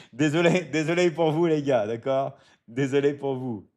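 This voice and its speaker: A man's voice: medium pitch, fairly even intonation, measured pace, darkish tone. A man hosting a casual live stream, answering viewer comments and coaching with lots of "d'accord?" and restarts. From Michigan. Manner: repeats "d'accord?" often, stumbles and restarts, coaching tone.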